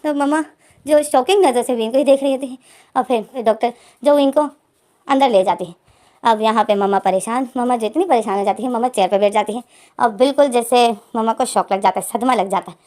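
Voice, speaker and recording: A woman's voice: fairly high pitch, a little fast, a little mellow. A woman retelling a fan story casually, chaining lines with repeated fillers. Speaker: fanfiction storyteller.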